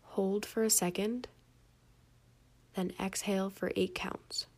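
A young adult woman reads a scripted guided meditation in a mid-range voice. Her delivery is calm, gentle and measured, with softly closing phrases.

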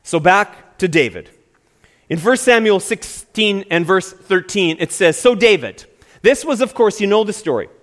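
A male pastor delivers an earnest sermon in a high voice that swings widely in pitch. He leans hard on key words for emphasis. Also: lively intonation, moderate pace, a bit bright. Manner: earnest, preaching with emphatic stresses.

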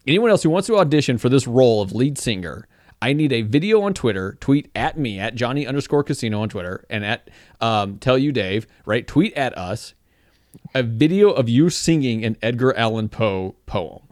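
Lively man co-hosting a podcast. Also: medium pitch, moderate pace, dry recording, clean studio sound. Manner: playful, questioning back-and-forth. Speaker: podcast co-host. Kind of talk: casual comic banter.

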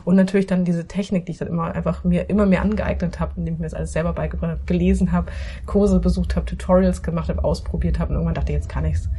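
German woman photographer chatting fast, kinda husky, dark mellow voice, lots of restarts. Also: on the low side, a little hiss or hum. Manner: animated, quotes her own thoughts, many restarts. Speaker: photographer, interview guest. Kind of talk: conversational storytelling.

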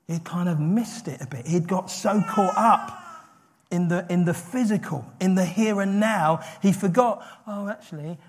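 A man preaching a sermon in an animated way, acting out quoted lines with rising intensity. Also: sits high, breathy edge.

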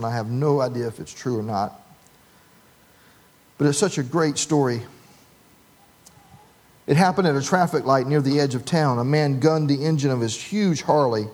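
A man's voice: medium pitch, normal speed, long pauses, darkish tone. A man preaching a sermon, telling a humorous story with voices for the people in it. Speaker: pastor.

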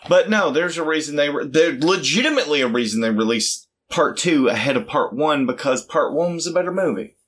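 A man co-hosting a casual podcast, bluntly and profanely arguing for his movie pick and getting animated. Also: fairly high pitch, a little fast, few pauses. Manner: blunt, profane, animated, rising to shouts when excited. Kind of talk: casual debate chat.

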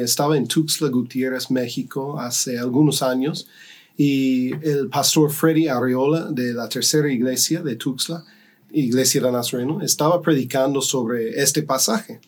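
A man co-hosting a podcast, telling a devotional story and acting out shouting crowds. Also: medium pitch. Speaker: podcast co-host, pastor.

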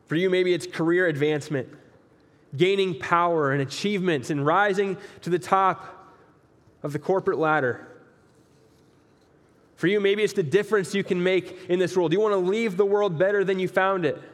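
A young man preaching a casual, conversational sermon, relaxed and joking as he talks straight to the listeners. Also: high voice, normal speed. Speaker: pastor. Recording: long echo of a large hall.

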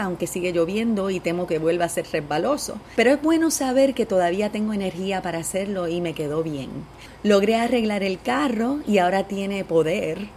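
Podcast host, female, Puerto Rican accent, mid-pitched, upbeat and chatty, faint hiss underneath. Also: a little mellow. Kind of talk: personal podcast intro monologue.

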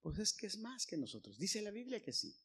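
A man preaching a sermon to his congregation, moving from loud, emphatic appeals to quiet, hushed storytelling. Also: sits high, sing-song, a little fast, creaky, slightly rough. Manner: addresses listeners as brothers.

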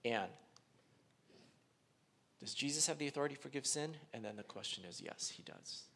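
A man's voice: mid-range voice, animated, normal speed, gravelly, bright, forceful tone. A man preaching a sermon as pastor, talking conversationally with fillers and restarts and dropping his voice to act out quoted speakers.

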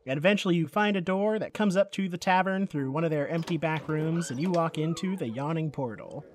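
A man's voice: fairly high pitch, fairly quick. A man running a tabletop role-playing game, narrating scenes in a descriptive, playful way. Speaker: game master.

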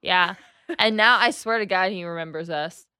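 Smooth-voiced woman recounting stories. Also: on the low side, normal speed, no room sound, studio quality. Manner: relaxed storyteller, laughs at her own stories. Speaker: friend telling stories. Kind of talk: casual chat.

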